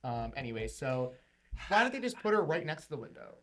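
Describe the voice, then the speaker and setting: A man's voice: mid-range voice, very animated, brisk, a bit bright. Guy in his 30s just chatting on a podcast, rambly, says like a lot. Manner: rambling, many "like" fillers. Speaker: podcast co-host. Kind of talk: casual chat.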